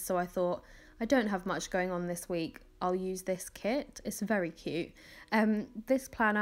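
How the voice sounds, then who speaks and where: This English planner vlogger, a young woman in her twenties, has a lowish voice that sounds crackly this early in the morning. Her voice-over for a planning video is casual and meandering, full of ums and small laughs.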